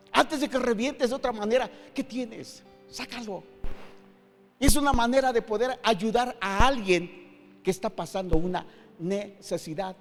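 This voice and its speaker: A middle-aged man preaching a sermon as pastor, emphatic, swinging between loud and hushed with many rhetorical questions. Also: very high voice. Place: church hall. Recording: long hall reverb with faint guitar.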